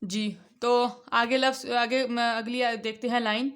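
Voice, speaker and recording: A woman teaching a Quran reading lesson for children, explaining patiently and reciting letter names slowly and clearly. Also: a little high, little pitch movement, a bit bright. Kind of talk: instructional lesson.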